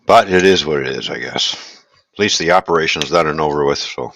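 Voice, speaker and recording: A man hosting a casual live stream, chatting in a relaxed, rambling way and greeting viewers while he eats. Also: extremely low pitch, fairly quick, gravelly, no echo. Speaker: livestream host.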